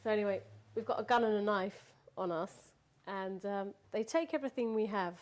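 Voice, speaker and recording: A woman's voice: medium pitch, fairly quick, darkish tone. A woman recounting a personal experience in casual spoken storytelling, laughing often and restarting her sentences.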